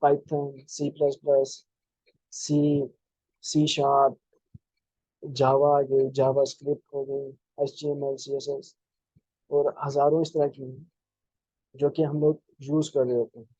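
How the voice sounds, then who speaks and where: A man giving a programming lecture, explaining slowly with many fillers and restarts, over a video call. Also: medium pitch, monotone, warm tone, no room sound, low-quality recording. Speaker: programming instructor. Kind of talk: live online lecture.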